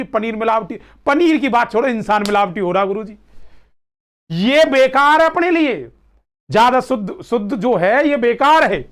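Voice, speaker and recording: A high-voiced male teacher talks slowly and deliberately to his class. He teases the students and quizzes them by name. His tone stays playful throughout the lecture. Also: fairly bright tone.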